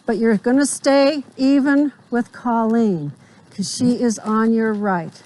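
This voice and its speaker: A woman's voice: fairly high pitch, slow pace, darkish tone, low-quality recording. A woman riding instructor outdoors, explaining drill directions firmly and checking that her riders understand. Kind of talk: spontaneous hands-on instruction.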